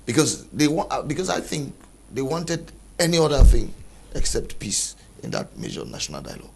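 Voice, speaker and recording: A man arguing his point as a panelist in a studio panel debate, deliberate and argumentative. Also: medium pitch, huge pitch swings, creaky, slightly rough.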